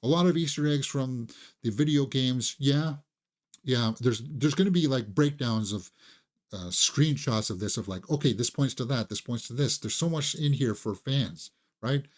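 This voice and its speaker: Speaking at normal speed in a mid-range voice, a man hosts a relaxed, chatty film review. He comes across as enthusiastic and full of opinions, occasionally repeating words while thinking out loud.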